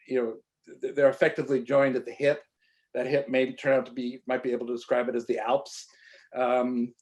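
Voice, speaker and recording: A man being interviewed as an author, telling animated stories and often restarting his sentences. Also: mid-range voice. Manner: halting, many restarts and repeated words; animated storytelling. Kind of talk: conversational interview.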